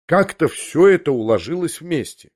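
A man narrating a classic novel as an audiobook in measured, even storytelling. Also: fairly high pitch. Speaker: audiobook reader.

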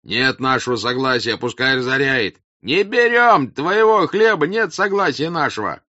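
A man's voice: a little high, sing-song, no room sound, muffled recording, voice pushed up, heavily acted. A man voicing stubborn, angry peasant men. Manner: loud, drawn-out, stubborn refusals. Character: defiant crowd of male peasants, stubborn and angry.

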